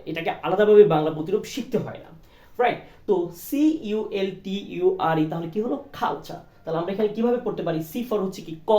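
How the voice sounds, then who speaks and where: A man's voice: high voice, darkish tone, far from the mic. A man teaching English reading, spelling words out letter by letter, mixing Bengali with English phrases, and often checking with "right?". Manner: mixes Bengali with English phrases, coughs now and then. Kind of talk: spoken language lesson. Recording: roomy, from off the mic.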